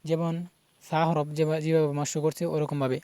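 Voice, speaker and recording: A man teaches pronunciation, repeating each sound slowly and patiently. His voice is smooth and a little high, with little rise and fall. The recording is close and dry. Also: level tone, dark tone, dry recording. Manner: patient, repeats each Arabic letter sound many times. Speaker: Quran recitation teacher. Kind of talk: pronunciation lesson.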